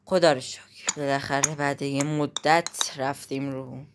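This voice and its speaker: A woman giving let's-play commentary, anxious and exclaiming in quick repeated words, then talking herself back to calm. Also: rumbling low. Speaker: gamer playing a climbing game. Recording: loud clicking noise behind voice.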